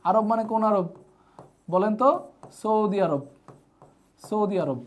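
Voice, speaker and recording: A woman's voice: medium pitch, a little slow, a little mellow. Woman teaching a live online lesson. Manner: repeats checks with students, playful memory tricks. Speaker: online tutor.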